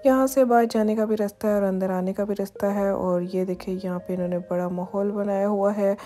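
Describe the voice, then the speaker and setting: A woman's voice: medium pitch, steady tone, fairly quick, warm tone. A woman vlogging a walking tour outdoors through city streets at dusk, chatting casually and pointing out sights as she goes. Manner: chatty, repeats "ye dekhiye" while pointing things out. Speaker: travel vlogger.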